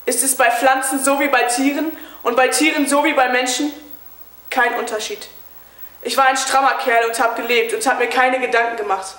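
A woman's voice: sits high, fairly even intonation, moderate pace, fairly bright tone. A woman playing a bitter, broken war veteran husband. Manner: brooding, scornful, stage-declaiming. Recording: roomy hall echo.

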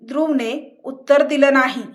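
A woman narrating a novel in a calm, measured way. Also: sits high. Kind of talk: scripted narration.

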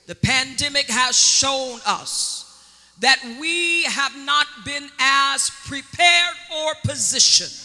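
A woman's voice: high-pitched, pushed and bright. A woman preaching a sermon as a prophetess, stretching key words with dramatic emphasis and calling on the congregation to answer. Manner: dramatic drawn-out emphasis, call-and-response. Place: church sanctuary. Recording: long church hall reverb.

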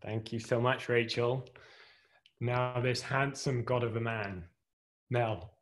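A man's voice: medium pitch, steady tone, slow pace. A man hosting a video call, introducing each participant with friendly compliments. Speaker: host.

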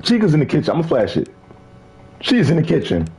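A young man streaming horror games with scared, excitable, slangy reactions and yelling at jumpscares. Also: on the high side, fast, a little hiss or hum, rough recording. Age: young adult. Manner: casual slangy speech. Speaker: gaming streamer. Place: small indoor gaming room.

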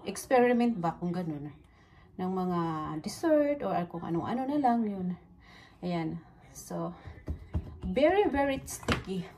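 A middle-aged woman with a Filipino accent chats casually with viewers while baking, switching between Tagalog and English as a home baking vlogger. Her warm, mid-range voice is sing-song and slow with frequent pauses, and faint music sits behind it. A phone held at arm's length or propped nearby captures clearly noisy audio indoors in a small home kitchen.

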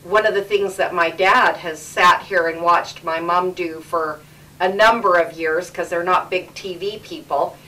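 A middle-aged woman from Canada hosts a relaxed interview in her home, chatty and fond of repeating words for emphasis. Her voice sits a little low. The sound is old camcorder audio picked up from a few steps away. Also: measured pace, recorded from a distance, rough recording. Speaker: host interviewing her parents.

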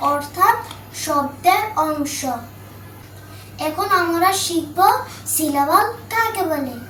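Brief: very high, slow-paced woman teaching a lesson, set back from the mic in an echoey room. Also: a bit bright, distant mic, a little hiss or hum. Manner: spells out examples word by word. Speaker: channel host teaching grammar.

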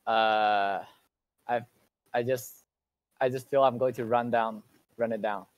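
A man interviewed after winning a match, answering in short, halting sentences. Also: medium pitch, steady tone, dry recording. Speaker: player being interviewed.

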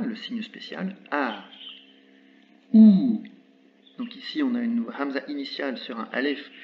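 A man explaining Arabic letters in French, patiently repeating example words slowly with small hesitations. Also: mid-range voice. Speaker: Arabic teacher. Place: indoors with birds audible outside. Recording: slightly dull recording with faint background noise.

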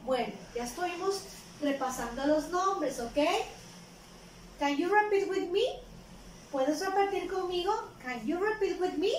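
Mexican lady teaching kinder english, super high voice, echoey room, mic kinda far off. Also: animated, a little hiss or hum. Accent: Mexican Spanish. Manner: slow, repeats each word, translates into Spanish. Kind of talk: bilingual vocabulary lesson for small children.

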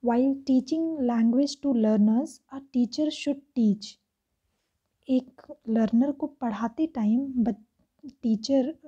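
A woman teacher, reading exam questions aloud slowly and explaining each answer step by step. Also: on the high side, mellow, breathy edge, highs cut off. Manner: slow, reads English questions aloud word by word then explains in Hindi. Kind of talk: exam-prep lesson.

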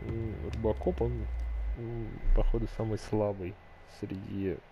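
A man hosting a gaming video with casual, halting commentary, thinking aloud in an informal way. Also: fairly low pitch, level tone, rough recording. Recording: loud game music behind.

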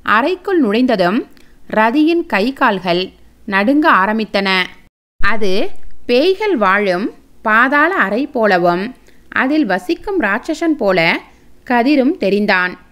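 A woman storyteller reading a family novel aloud in slow, measured narration. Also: on the high side, sing-song, a bit bright.

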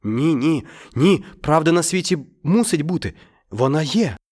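A man's voice: on the high side, sing-song, normal speed, voice pushed up. A man voicing a kind, honest villager pleading for justice in a storybook reading. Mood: earnest. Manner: earnest, pleading.

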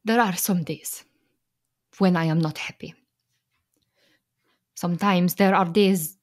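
An actress with a fairly low voice plays a firm, protective Slovak immigrant wife in a radio play. She speaks with a Slovak accent in a measured, pleading, emphatic way, with a wistful mood.

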